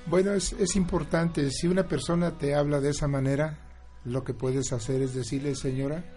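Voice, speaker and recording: A man's voice: fairly high pitch, steady tone, normal speed, mellow, faint music behind. A man on a faith talk panel who quotes Bible verses and makes firm, preacher-like statements. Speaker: panelist quoting scripture. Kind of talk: preaching-style commentary.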